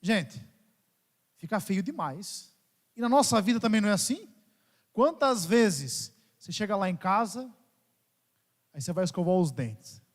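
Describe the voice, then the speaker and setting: A man's voice: sits high, big pitch swings, measured pace, pauses often. A man from Brazil, a parish priest giving a homily at Mass, telling humorous everyday stories and often calling out to the congregation. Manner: humorous storytelling, addresses the congregation as "gente". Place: large church. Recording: long church reverb.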